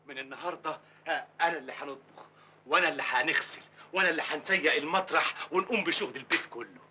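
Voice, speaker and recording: Overjoyed Egyptian husband. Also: male voice, on the high side, racing, a little hiss or hum, low-quality recording. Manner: exuberant, shouting his wife's name, gushing. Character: overjoyed husband, expecting his first child. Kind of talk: classic Egyptian film acting.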